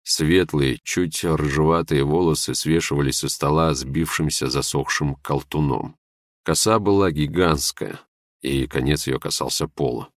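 A man narrating literary prose in a measured, expressive reading. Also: a bass voice, no echo, clean studio sound. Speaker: audiobook narrator.

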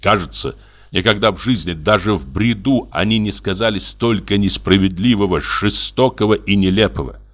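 Low-voiced male audiobook narrator. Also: moderate pace, a bit bright. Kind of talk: scripted literary narration.

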